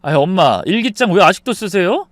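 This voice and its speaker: A man's voice: high voice, lively intonation, fairly quick, a bit bright, no echo, studio quality. A man voicing a dismissive adult son who brushes off his mother, sighing before his lines. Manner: whiny, starts lines with a sighing "ah".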